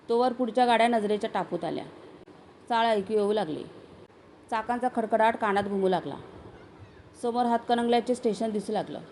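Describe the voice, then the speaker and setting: A woman reading a short story aloud, steady and expressive as a storyteller. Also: mid-range voice, a little hiss or hum.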